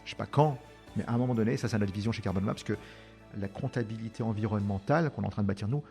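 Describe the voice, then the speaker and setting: A man's voice: on the low side, rapid-fire, creaky, dark tone, faint music behind. A man born in Iran and raised in France, a startup founder answering interview questions in a hesitant way, with many fillers and restarts. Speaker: startup founder, podcast guest.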